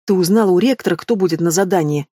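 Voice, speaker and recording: A woman's voice: fast talker, dark tone, slightly rough, no room sound, clean studio sound. A woman voicing a spiteful young female student who shrieks insults at her rival. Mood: bitter. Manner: shrill, hissing insults.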